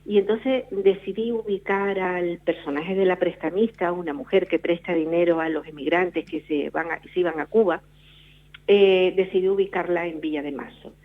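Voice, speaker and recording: A woman's voice: fairly low pitch, steady tone, normal speed. A middle-aged woman from La Palma, a novelist telling her story in a radio interview, often restarting her sentences. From La Palma, Canary Islands. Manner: reflective storyteller with frequent restarts. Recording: tinny phone line.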